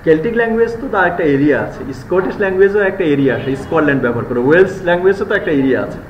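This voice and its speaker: A man's voice: sits high, lively intonation, lo-fi sound, a little hiss or hum. Bangladeshi male lecturer in an echoey classroom. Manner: switches between rapid Bengali explanations and slow, deliberate English reading. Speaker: university lecturer. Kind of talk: live classroom lecture mixing Bengali and English. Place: university classroom.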